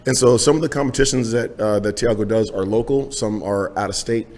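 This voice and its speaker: A man hosts a casual podcast interview from a small home gym, chatting loosely and relaxed with plenty of fillers and easy yeahs. His voice is lowish and a little fast, with a little hiss or hum in the background.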